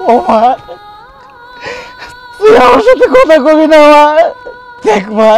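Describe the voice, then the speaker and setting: A man acting a heartbroken son who cries and begs over his mother's body, in speech. His voice sits high and gravelly, and his words come slowly. Loud music plays under him. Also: sing-song, full character voice. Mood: wailing grief. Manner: wailing, sobbing, pleading. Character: grieving young man mourning his dead mother. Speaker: son returned from abroad. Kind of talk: melodramatic short-film acting.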